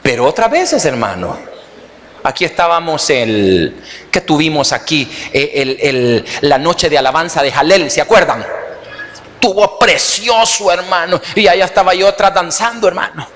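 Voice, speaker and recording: A man with a Salvadoran accent preaching a sermon as pastor, animated and joking, often calling out to the congregation. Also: a little high, normal speed. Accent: Salvadoran Spanish. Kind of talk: lively sermon. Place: church sanctuary. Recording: long reverb of a church hall.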